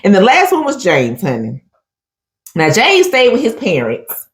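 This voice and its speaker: Woman co-host, lively chatty storyteller, pitch swinging all over, echoey room. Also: a little slow. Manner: animated storyteller who acts out quotes and keeps saying "honey". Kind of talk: casual chat recapping a reality show.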